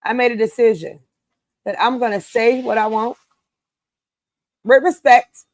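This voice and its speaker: Host type: woman in her 50s, higher voice, emphatic and animated, dry close sound. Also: a little slow, no echo. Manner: animated, emphatic, laughs easily. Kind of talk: casual group chat.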